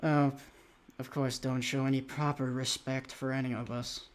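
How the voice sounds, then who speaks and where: A man's voice: medium pitch, level tone, normal speed, clear, resonant tone, lightly acted. A man voicing Grim, a sneering dragonborn. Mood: contemptuous. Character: thin hooded male dragonborn, cold and contemptuous.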